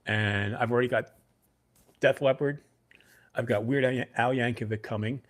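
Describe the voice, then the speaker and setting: Speaking at a moderate pace in a steady, medium-pitched voice, a middle-aged Brooklyn host chats loosely on a livestream. He carries a mixed New York and New Jersey accent, rambling and answering viewers by name.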